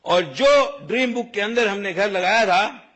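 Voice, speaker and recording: A man giving a storytelling speech, lively and anecdotal, acting out bits of dialogue. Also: high voice, measured pace. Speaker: motivational speaker.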